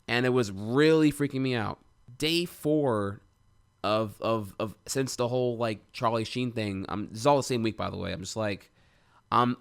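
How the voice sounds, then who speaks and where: A man's voice: medium pitch, creaky. Candid young man telling a personal story. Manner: candid, rambling, with frequent swearing and restarts. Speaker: streamer.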